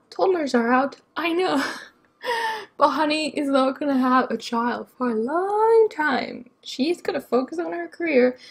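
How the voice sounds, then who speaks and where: With a high-sitting voice marked by vocal fry and slight roughness, a young gamer narrates her play casually. She rambles on, muses to herself, and fills gaps with plenty of ums.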